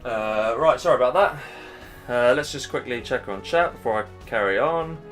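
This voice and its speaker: A man's voice: medium pitch, lively intonation, normal speed, a bit bright, soft background music. A man casting a live strategy game match, chatty and casual, thinking aloud and sounding tired. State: tired, yawning. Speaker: game caster.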